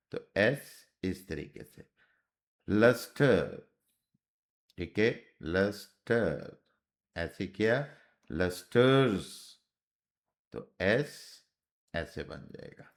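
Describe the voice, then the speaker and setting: A man teaching a shorthand class, explaining step by step and sounding out each example word. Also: on the low side. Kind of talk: whiteboard lesson.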